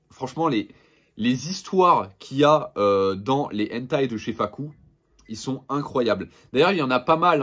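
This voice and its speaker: Homme enthousiaste qui présente sa collection. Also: male voice, mid-range voice. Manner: enthusiastic, many fillers and restarts. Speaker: manga collection reviewer. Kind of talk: casual product showcase vlog.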